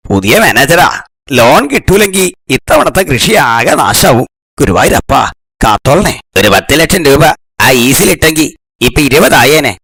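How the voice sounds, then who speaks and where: A man's voice: a little high, sing-song, moderate pace, creaky, a bit bright, breathy edge, dry recording, exaggerated voice. A man voicing a sly servant in a kids' cartoon, who speaks humbly to his lord but mutters sarcastic asides. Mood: hurried.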